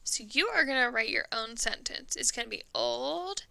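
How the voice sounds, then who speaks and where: A woman's voice: on the high side, expressive, normal speed, creaky, bright, forceful tone, dry recording, low-quality recording. A woman music teacher reading a story to young children with lots of expression, singing the refrain and asking them questions.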